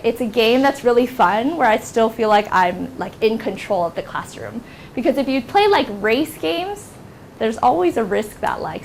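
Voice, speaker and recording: A young woman from the United States leading a teacher workshop in a classroom, lively and acting out classroom scenes in a high teacher voice. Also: gravelly, a little hiss or hum. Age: young adult. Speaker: workshop instructor. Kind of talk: teacher training workshop talk.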